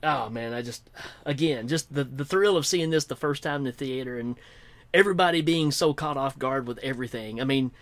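A middle-aged man chatting casually as a podcast co-host, animated and quick to laugh. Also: medium pitch, no room sound. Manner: animated, laughing, shouts out quoted lines. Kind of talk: casual chat.

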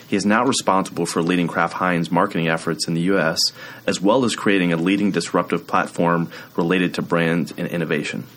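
Asking questions on his business podcast, this male host responds with quick, cheerful acknowledgments. His voice is low and a bit bright, with fairly even intonation and a brisk pace.

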